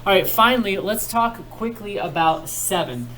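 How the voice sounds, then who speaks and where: A man's voice: sits high, lively intonation, moderate pace, bright, forceful tone, a little hiss or hum, rough recording. Patient male math teacher in class. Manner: patient, encouraging, guides step by step. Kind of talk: classroom instruction.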